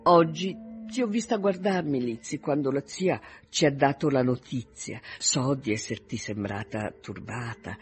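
Gentle modest young woman voiced by a man, earnest, soft, husky tone, radio reading. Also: mid-range voice, unhurried.

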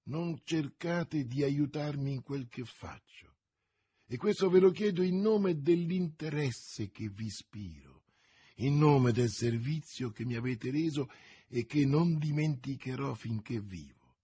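A man's voice: mid-range voice, lively intonation, unhurried, darkish tone, slightly rough, no echo. A man voicing a secretive young woman in an audiobook, speaking seriously and pleadingly. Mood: earnest. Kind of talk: audiobook reading.

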